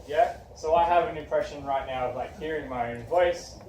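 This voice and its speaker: A young man teaching a class leads a discussion with questions and encouragement, his voice fairly high, a little mellow, and at normal speed. The room is echoey, he is far from the mic, and faint noise is present.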